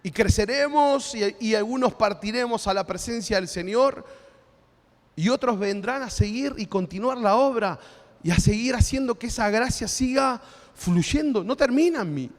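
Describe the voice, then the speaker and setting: A man's voice: very high-pitched, lively intonation, normal speed, long reverb tail. A man with an Argentine accent preaching a sermon as pastor, in a conversational way with frequent tag questions. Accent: Argentine Spanish.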